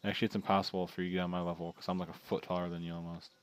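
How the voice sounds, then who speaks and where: Racing along in a low-pitched, level tone, a young man banters casually while playing a co-op game with a friend, telling rambling jokes. A little hiss or hum sits under the recording.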